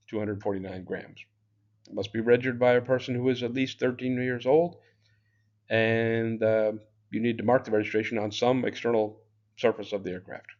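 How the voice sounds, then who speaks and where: A man's voice: medium pitch, a little mellow, dull audio. A man teaching an exam-prep lecture in a loose, chatty way, full of fillers and asides. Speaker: drone exam instructor.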